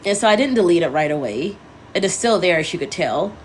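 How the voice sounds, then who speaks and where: Hosting a laid-back livestream, this woman talks quickly in an expressive, fairly low voice that's stuffy and rough in the throat. She wanders from point to point, catches and fixes her own words, and addresses the people watching.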